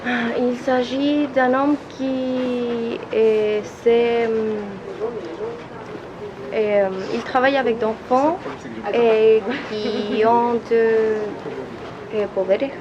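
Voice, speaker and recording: A young woman from South America, a native Spanish speaker, speaks halting French with a Latin American Spanish accent, searching for words in casual chat. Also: fairly high pitch, fairly even intonation. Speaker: passer-by approached on the street. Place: outdoors on a city street. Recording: muffled street recording, crowd and traffic.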